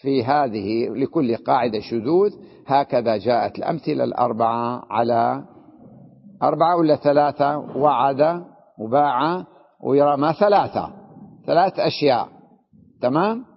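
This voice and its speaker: A man's voice: medium pitch, moderate pace, vocal fry, pauses often. Male Arabic grammar teacher in echoing hall. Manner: explains with questions and repeated checks. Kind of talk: classroom lecture. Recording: dull lo-fi recording with long hall reverb.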